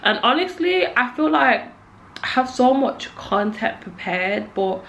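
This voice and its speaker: A woman's voice: a little high, very animated, unhurried, creaky, fairly bright tone, a little hiss or hum, low-quality recording. A young woman chats casually and candidly to camera, rambling and slangy, with a lisp from a swollen cheek that keeps her mouth from fully closing. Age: young adult. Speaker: video creator.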